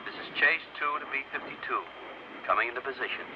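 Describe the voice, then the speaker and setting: An actor playing a calm military chase-plane pilot, giving clipped procedural reports over a helmet radio. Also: male voice, medium pitch, quick pace. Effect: helmet radio transmission. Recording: dull lo-fi radio, very loud aircraft noise.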